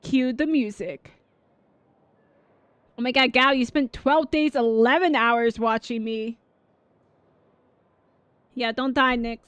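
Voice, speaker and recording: A woman's voice: a little high, slow pace, pauses often, a bit bright, clear, resonant tone, no room sound. A woman streamer chatting casually on a gaming livestream, rambling and filler-heavy as she reacts to her viewers.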